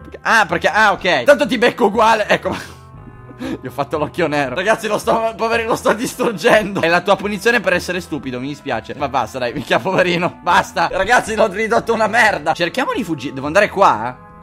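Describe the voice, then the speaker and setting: Lively, high-pitched joking male gamer. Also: fairly quick, soft background music. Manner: jokey, crude, swears often; talks to viewers directly. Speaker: gaming video host. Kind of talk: let's-play commentary.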